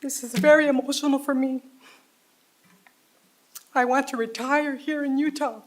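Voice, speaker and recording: Older woman, high voice, emotional and deliberate resident comment at a council podium. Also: fairly even intonation. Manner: heartfelt, pleading, slow and deliberate. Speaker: resident giving public comment. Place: city council chamber.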